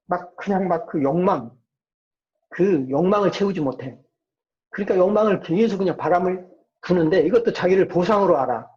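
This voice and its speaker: The recording is muffled, dull, and lo-fi: a man with a high voice lecturing informally on psychology at a moderate pace. As a professor, he habitually asks questions and then supplies the answers.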